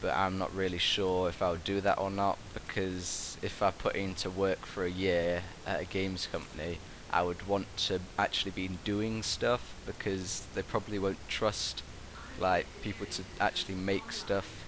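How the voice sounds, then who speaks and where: Over a gaming headset, with steady buzzing and hissy background noise, a young British man with a low voice offers casual, rambling commentary for a gaming video. The university student, a young adult, talks hesitantly at normal speed with few pauses, meandering from one idea to the next.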